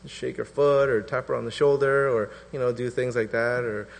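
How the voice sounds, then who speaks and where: A man in his thirties preaching a sermon in a relaxed, conversational way, acting out quotes in different voices. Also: medium pitch, normal speed, gravelly. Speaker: pastor. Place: church hall. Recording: reverberant church hall.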